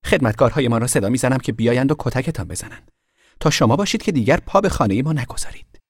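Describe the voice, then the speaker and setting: A man's voice: mid-range voice, lively intonation, husky, no echo, studio quality, voice pushed up. A man voicing a haughty, teasing young noble girl in an audiobook, mocking and imperious.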